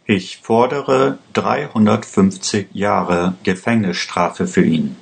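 A man's voice: on the low side, slow pace, creaky, slightly rough, exaggerated voice. A man voicing a stern prosecutor making harsh demands.

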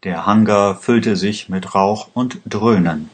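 A man narrating a language-learning story in a slow, careful, even reading. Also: fairly low pitch.

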